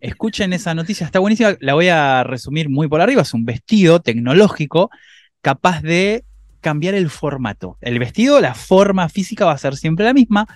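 A man with an Argentine accent co-hosting a casual tech podcast, animated, his voice jumping up when excited. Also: fairly high pitch, moderate pace, dry recording. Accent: Argentine Spanish. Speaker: podcast co-host.

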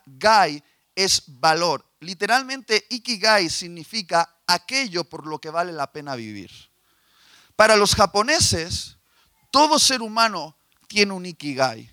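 A man's voice: high-pitched, pushed and bright, no echo. A man preaching a sermon, asking his listeners questions and telling a fable. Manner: asks the audience questions, tells a fable.

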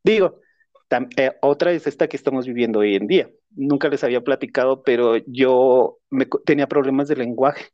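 A man's voice: mid-range voice, brisk, a little mellow, no room sound, lo-fi sound. A man, a podcast co-host and therapist, telling personal stories in a reflective, self-deprecating way. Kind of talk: casual personal storytelling.

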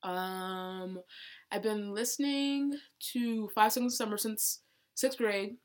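An eighteen-year-old girl from Georgia in the US co-hosts a casual podcast chat, speaking slowly at a medium pitch and filling her talk with hesitant fillers.

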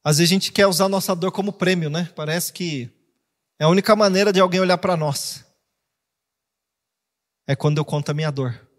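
High, animated Brazilian preacher in a reverberant hall. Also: male voice, fairly quick, long pauses. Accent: Brazilian Portuguese. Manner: animated preaching, acts out quoted voices and jokes. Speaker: pastor. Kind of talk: sermon.

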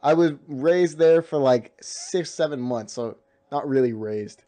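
A man's voice: medium pitch, measured pace, dark tone. A young man in casual group chat, trading crude, profane teasing banter with friends. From Texas.

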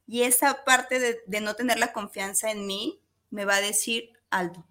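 A woman speaks in a reflective, explanatory manner. She keeps checking in with her listeners through rhetorical questions. Her voice sits a touch higher than average. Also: fairly even intonation, normal speed, bright, forceful tone. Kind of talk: casual chat.

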